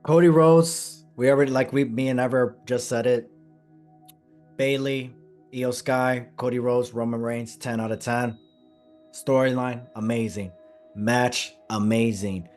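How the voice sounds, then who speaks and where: A man hosting a wrestling podcast, chatting excitedly and stressing his points, his voice a bit hoarse. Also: medium pitch, a little slow, soft background music. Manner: excited, emphatic, repeats phrases. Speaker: podcast host. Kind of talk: casual podcast chat.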